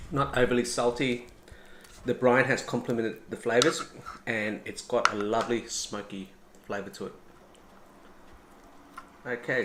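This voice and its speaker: A man hosting a casual cooking demonstration, chatty and relaxed with frequent ums. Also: fairly low pitch, roomy sound, noisy background. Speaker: cooking channel host.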